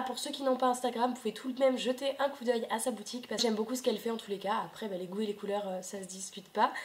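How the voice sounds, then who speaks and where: A young woman vlogging casually at home, chatting with many hesitations and fillers into her camera. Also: a little high. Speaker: book vlogger. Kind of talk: casual video chat.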